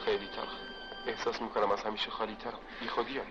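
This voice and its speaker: A man's voice: medium pitch, wildly swooping pitch. An actor playing a reflective, brooding man who talks bitterly about his life in an old film. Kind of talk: 1970s film acting. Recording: old dull film soundtrack with loud music.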